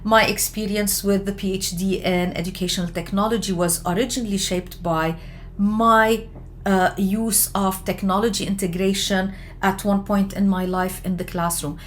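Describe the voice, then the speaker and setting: A woman from Lebanon giving an explanatory lecture on research methods, talking in a measured way with frequent fillers and self-corrections. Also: mid-range voice, steady tone, a little hiss or hum. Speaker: education lecturer.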